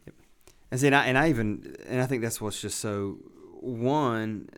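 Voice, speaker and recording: A man's voice: medium pitch, moderate pace, fairly bright tone, smooth. Earnest man, a pastor, repeating himself. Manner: earnest, repeats words while building points. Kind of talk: casual podcast conversation.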